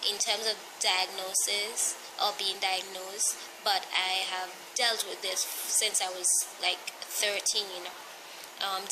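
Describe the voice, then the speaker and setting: Anxious, tired woman vlogging over background noise. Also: mid-range voice. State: tired from lack of sleep. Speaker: personal vlogger. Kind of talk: candid confessional vlog, talking to viewers.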